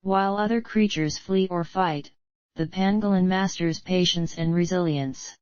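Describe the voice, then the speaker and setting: A woman reading scripted nature documentary narration in a measured, earnest, formal way. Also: fairly low pitch, a little mellow, no room sound, dull audio.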